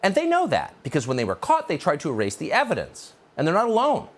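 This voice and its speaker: A man's voice: wildly swooping pitch, fast talker. A man hosting a news opinion show, delivering a sardonic, mocking monologue. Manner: sardonic, mocking, swings pitch widely.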